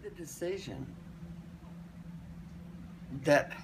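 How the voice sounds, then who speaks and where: An elderly woman, a grandmother, casually telling family stories in a halting, rambling way and repeating phrases for emphasis. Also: fairly low pitch, gravelly, noisy background. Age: older, grandmother.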